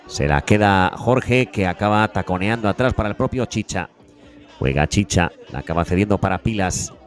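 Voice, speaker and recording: Guy calling beach soccer live, breakneck goal commentary, lowish voice, music going behind him. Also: animated. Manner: breakneck goal commentary, shouting drawn-out repeated goal calls. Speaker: sports commentator.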